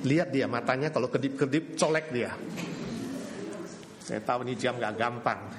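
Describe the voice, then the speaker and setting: A man preaching a sermon to a congregation, animated, leading call-and-response and acting out quoted voices. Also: medium pitch, normal speed, noisy background. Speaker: pastor. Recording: long hall reverb, faint ambience.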